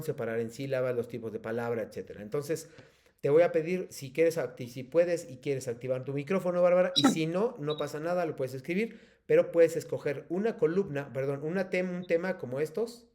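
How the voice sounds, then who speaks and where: A man with a Mexican accent, a teacher explaining patiently to his students in an online class, often pausing with fillers. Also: fairly high pitch, warm tone. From State of Mexico.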